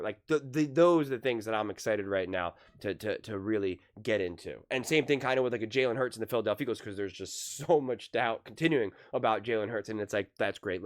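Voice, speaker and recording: An excitable man holds forth alone in a sports opinion vlog. His voice sits a little low, and he rambles, restarting sentences and circling back over the same points. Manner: excitable, rambling, repeats himself. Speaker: sports commentary YouTuber.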